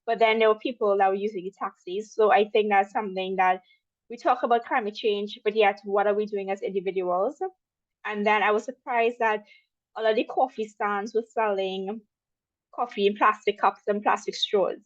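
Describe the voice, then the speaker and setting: A young woman with a Trinidadian accent talks through a webinar presentation in a loose, conversational way, full of ums and small asides. Her voice sits at a middle pitch. The sound is dry and a little dull, like an online call. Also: steady tone, moderate pace, no room sound. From Trinidad and Tobago. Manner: chatty, with frequent ums and asides. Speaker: webinar speaker.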